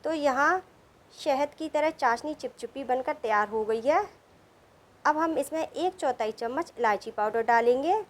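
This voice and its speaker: A woman narrating a cooking recipe step by step in a calm, steady instructional voice-over. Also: sits high, a little slow. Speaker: cooking channel host.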